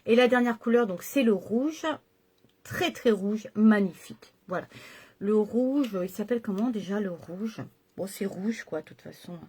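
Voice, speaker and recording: A woman's voice: medium pitch, unhurried, warm tone, husky. A middle-aged woman chatting casually through a makeup tutorial at home, hesitating and correcting herself as she goes. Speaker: makeup vlogger.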